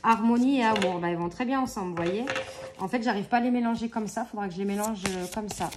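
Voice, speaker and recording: Une femme qui présente un jeu d'oracle en bavardant et énumère les mots-clés des cartes avec de petites hésitations. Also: female voice, mid-range voice, background noise. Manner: chatty, lists keywords with quick hesitations. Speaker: oracle deck reviewer. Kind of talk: casual unboxing and card reading.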